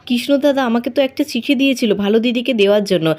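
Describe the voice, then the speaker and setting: Blunt chatty little girl, read by a woman, high voice. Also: quick pace, a little mellow, lightly acted. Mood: musing.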